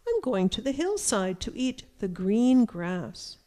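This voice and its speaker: A woman's voice: sing-song, slow pace, dark tone. A woman voicing the smallest billy goat, a timid little male goat who pleads not to be eaten. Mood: pleading. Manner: high, pleading and frightened.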